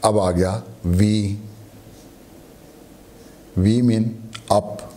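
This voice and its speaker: Brief: male teacher, Pakistani accent, slow drilled repetition, lowish mellow voice. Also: fairly even intonation, a little hiss or hum. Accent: Pakistani Urdu. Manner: slow, repeats each word and its meaning. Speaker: language teacher. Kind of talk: beginner language lesson.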